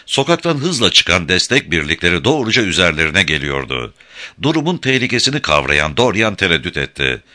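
Male audiobook narrator: low voice, crisp bright tone, dramatic telling. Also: fairly quick. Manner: dramatic, expressive storytelling.

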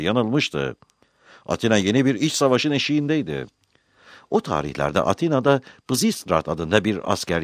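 A man narrating a scripted history documentary in a measured storytelling delivery with dramatic emphasis. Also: low voice, no echo, clean studio sound.

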